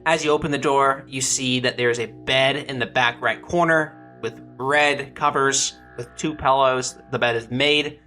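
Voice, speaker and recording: A game master narrating a comedic tabletop game, describing scenes in plain detail and pausing now and then to search for words. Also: mid-range voice, steady tone, bright, forceful tone, soft background music.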